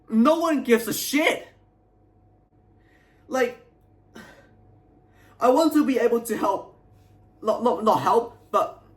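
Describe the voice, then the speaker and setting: In an unscripted rant to his viewers, a young video creator sounds frustrated and aggrieved, rambling, stalling, and repeating himself. His voice is extremely high-pitched with a fairly bright tone.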